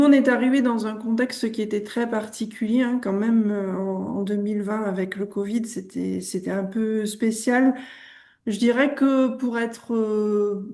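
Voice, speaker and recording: A woman with a French accent speaking as a webinar panelist over a video call, measured and often pausing with fillers. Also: medium pitch, warm tone. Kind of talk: conversational webinar talk.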